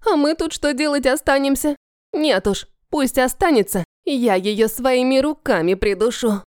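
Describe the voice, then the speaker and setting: A woman's voice: sits high, normal speed, a little mellow, dry recording, studio quality, pitched above the performer's own voice, lightly acted. A woman voicing a fierce, defiant young captive she-wolf who growls her lines. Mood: furious.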